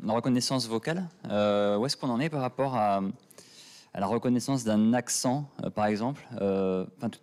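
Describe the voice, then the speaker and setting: A man's voice: medium pitch, moderate pace, a little mellow. A man in the audience asking a hesitant question at a conference, heard from away from the microphone. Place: conference hall, away from the mic.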